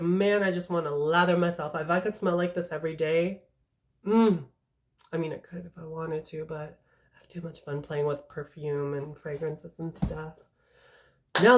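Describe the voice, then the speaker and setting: Sassy fragrance vlogger, woman, lower-pitched voice, blunt and slangy. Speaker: fragrance reviewer. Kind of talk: casual vlog review.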